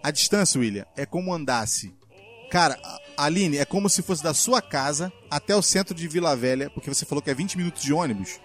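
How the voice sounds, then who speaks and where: Carioca guy telling a story on a podcast, kinda high voice, soft music behind. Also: fairly quick. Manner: animated, acts out his mother's lines. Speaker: podcast co-host. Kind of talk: casual storytelling.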